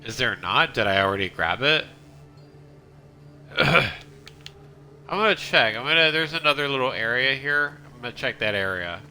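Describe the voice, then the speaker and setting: A man with a very bright, forceful voice gives casual gameplay commentary on a stream. He rambles, trails off and restarts his thoughts as he plays. A faint hiss of noise sits behind him. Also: medium pitch, animated, moderate pace, long pauses. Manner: rambling, self-interrupting, chatty. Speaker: game streamer.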